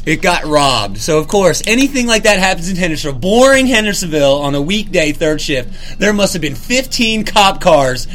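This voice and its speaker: A man with a high, very lively voice that swings widely in pitch. He jokes and laughs along in casual podcast talk with friends. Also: a little hiss or hum. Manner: playful, quick to joke and laugh along. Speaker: podcast co-host. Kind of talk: casual chat.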